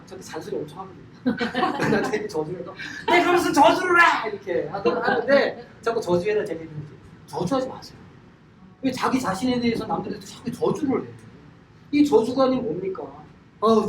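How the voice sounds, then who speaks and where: A man's voice: high voice, fast talker. A middle-aged man leading a Bible study lecture, quizzing his class and acting out everyday sayings. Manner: animated, questions the class and acts out everyday sayings. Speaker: Bible teacher. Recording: echoey room, distant mic, clear background noise.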